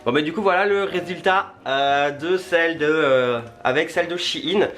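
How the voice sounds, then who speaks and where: A man's voice: on the high side, moderate pace, fairly bright tone. A man chatting informally through a hands-on tutorial vlog in a home kitchen, self-deprecating and loosely spoken with some mild swearing. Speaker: video creator testing a product.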